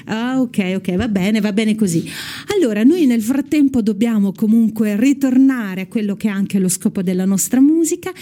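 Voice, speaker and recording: A woman's voice: a little high, moderate pace, dark tone. A woman, presenting a radio show in a casual, conversational way. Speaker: radio host.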